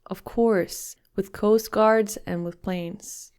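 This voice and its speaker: A man voicing a gentle, devoted fisherman boy. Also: high voice, fairly even intonation, clear, resonant tone, pitched above the performer's own voice. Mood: earnest. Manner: soft, slowed, raised boyish voice. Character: young fisherman boy, loyal and tender. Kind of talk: audiobook character voice.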